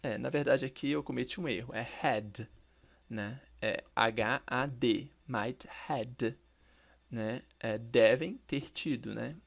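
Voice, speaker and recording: A man teaching a recorded English lesson. His voice has a gravelly, fry-laden edge, and he takes his time, speaking slowly and deliberately. He repeats each example phrase so learners can follow. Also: mid-range voice.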